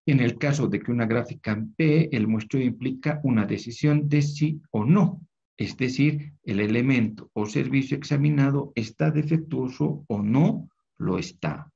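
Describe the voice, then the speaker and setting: A man's voice: mid-range voice, moderate pace, vocal fry, dark tone, breathy edge. A man teaching a recorded lecture, explaining step by step and often checking with tag questions. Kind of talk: recorded lecture over screen. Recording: dull lo-fi recording.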